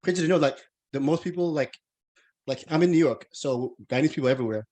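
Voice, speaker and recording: A man's voice: a little high, fast, darkish tone. An American man in his thirties hosting a podcast interview, talking casually and rambling with many restarts and fillers. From United States. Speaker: podcast host.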